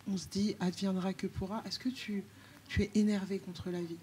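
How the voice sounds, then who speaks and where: A woman's voice: mid-range voice, level tone, moderate pace, background noise. A woman with a French accent hosting a talk show, prompting her guest with questions and finishing her sentences. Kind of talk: interviewing.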